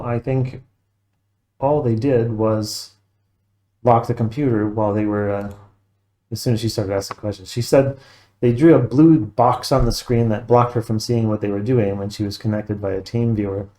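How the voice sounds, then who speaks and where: Mellow-voiced man giving a tech walkthrough. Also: medium pitch. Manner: methodical, matter-of-fact, thinking aloud. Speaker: computer repair technician, video host. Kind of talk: casual screen-by-screen tech walkthrough.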